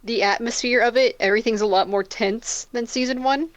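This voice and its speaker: A young woman co-hosting a casual podcast, relaxed and giggly with dry jokes. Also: fairly high pitch, fairly quick, no room sound. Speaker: podcast co-host. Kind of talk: casual chat.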